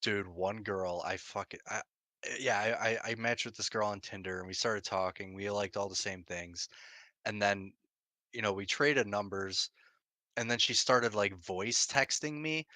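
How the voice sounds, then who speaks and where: A young man in a casual voice chat while gaming, swearing freely and talking in an animated, mocking way. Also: lowish voice, normal speed, no echo. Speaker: gamer chatting with a friend.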